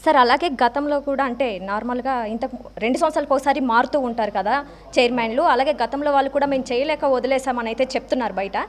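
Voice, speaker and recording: A woman reporter puts polite, brisk questions to her interviewee. She talks quickly in a high voice.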